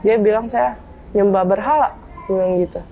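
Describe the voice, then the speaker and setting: A woman's voice: mid-range voice, normal speed, muffled recording, faint music behind. A young woman speaking in a casual interview, telling her story with energy and acting out the lines of an old argument in slangy speech. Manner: animated storyteller acting out quoted dialogue with slangy asides.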